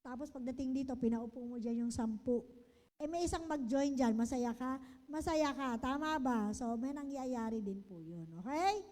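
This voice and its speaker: Filipino lady giving a business seminar, high voice, big echoey hall, keeps asking "right?". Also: normal speed. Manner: lively, keeps asking the audience "di ba?" and "okay?". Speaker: business trainer. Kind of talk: seminar lecture. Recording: long hall reverb.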